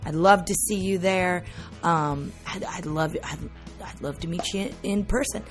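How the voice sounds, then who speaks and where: A woman's voice: lowish voice, unhurried, faint music behind. A woman in her thirties hosting a podcast, chatty and laughing often. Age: 30s. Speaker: podcast host. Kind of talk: casual interview chat.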